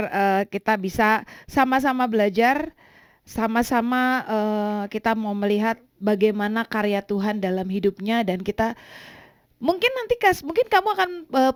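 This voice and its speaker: Woman, radio host, chatty talk-show manner, fairly high voice, dry close sound. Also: no echo. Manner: chatty, friendly, with frequent fillers. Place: radio studio.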